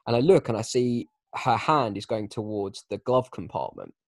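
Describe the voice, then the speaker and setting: Animated young man telling a story. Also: lowish voice, normal speed, no echo. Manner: animated, self-mocking. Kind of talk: casual anecdote telling.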